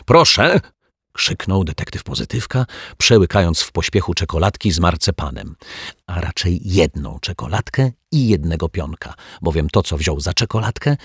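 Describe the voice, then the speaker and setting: Male narrator, deep and slightly husky, measured and playful for a kids' audiobook; close, dry mic. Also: dry recording. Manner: measured, gently playful storytelling. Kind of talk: scripted children's story narration.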